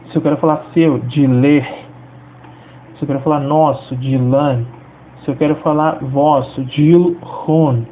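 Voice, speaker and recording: A Brazilian man teaching a language lesson in an explanatory way, checking in with listeners between phrases. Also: mid-range voice. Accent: Brazilian Portuguese. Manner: explanatory, fills with frequent tag questions. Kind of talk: video lesson. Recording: tinny lo-fi audio with faint hiss.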